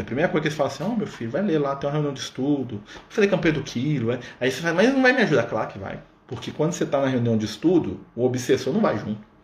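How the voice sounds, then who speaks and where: A man leading an informal religious study on a livestream. He talks conversationally and keeps checking in with his listeners. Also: mid-range voice. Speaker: spiritist study leader. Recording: echoey room with faint background noise.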